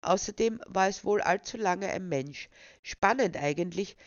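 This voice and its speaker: A man's voice: high voice, measured pace, no echo, highs cut off. A woman voicing a wry, musing old male deity in a storybook scene. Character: a bemused old male deity at a card table.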